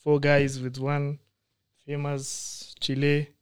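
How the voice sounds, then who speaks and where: A man's voice: fairly high pitch, monotone, takes it slowly, clean tone. A man with a Kenyan accent talking casually as a podcast guest, switching between English and Swahili slang. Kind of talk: casual chat.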